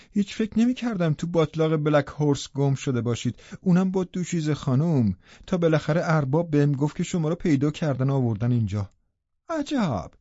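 A man voicing a chatty, gossiping village housekeeper woman in an audiobook, his voice pushed up high. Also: mellow, dry recording, dull audio. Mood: gossipy. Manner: gossipy, breathless chatter, raised voice.

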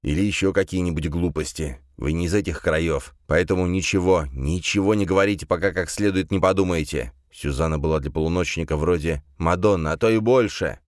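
A man's voice: low-pitched, fairly quick, hardly any pauses, no echo, clean studio sound, lightly acted. A man doing a weary, repetitive country gendarme. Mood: admonishing. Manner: repeats himself, mechanical and admonishing. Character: weary middle-aged male gendarme, repetitive and fussy.

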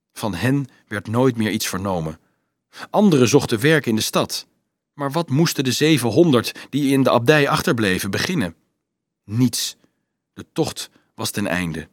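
A man narrating a novel as an audiobook, in an expressive, measured storytelling manner. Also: medium pitch, no echo.

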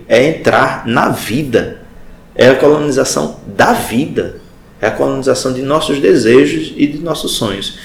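Recife-accented man, mid-pitched, gravelly voice, echoey room, reflective and halting. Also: a little hiss or hum. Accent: Recife, Brazil. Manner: thoughtful, searching for words, with restarts. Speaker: guest, journalist and professor. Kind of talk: radio interview answer. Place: community radio studio.

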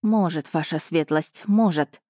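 A woman playing a defiant, sharp-tongued young noble bride with terse retorts. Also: low-pitched, unhurried, no echo, studio quality.

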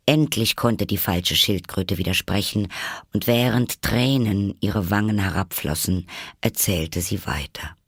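A man narrating an audiobook of a classic children's story in a calm, measured way. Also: lowish voice, slightly rough, no room sound, studio quality.

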